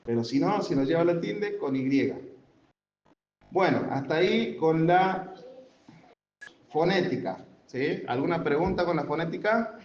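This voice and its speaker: Slow, patient man teaching in a roomy hall. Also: a little high, animated, darkish tone. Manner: keeps checking understanding with tag questions; patient, explains step by step with examples. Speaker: Sunday school teacher. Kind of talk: classroom grammar lesson. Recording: roomy, dull lo-fi with faint room noise.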